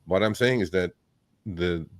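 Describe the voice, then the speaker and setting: A man born in Turkey, hosting a live chat, talking bluntly and with profanity, telling animated stories. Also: low-pitched, a little slow, no echo. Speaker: host. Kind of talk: casual livestream chat.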